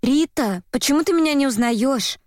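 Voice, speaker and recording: A pushy young woman squeals her lines high and affected, all pouting whims. A female narrator puts her on. The recording is dry and close. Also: lively intonation, fairly quick, no room sound, close to an everyday voice. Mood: brash insistent. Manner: loud, mannered, capricious. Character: brash young woman feigning a shrill old friend. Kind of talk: audiobook character voice.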